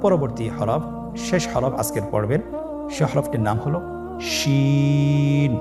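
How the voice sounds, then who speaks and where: A man teaching Arabic letters for Quran reading step by step, calm and patient, with a Bangladeshi accent, drawing out each letter sound for listeners to repeat. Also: medium pitch, moderate pace, creaky. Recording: voice over background music.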